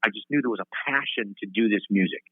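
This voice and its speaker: Husky and fairly low, his voice moves at a quick pace as this fifty-something singer-songwriter rambles through long stories in an interview. He keeps restarting sentences and laughing at himself. The dry recording has a tinny phone-line quality.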